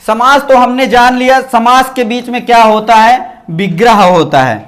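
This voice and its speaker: Speaking unhurriedly in a very high, somewhat bright voice, a man teaches Sanskrit grammar online. He's repetitive, going over each point again and following it with "ठीक ना" to check on his students.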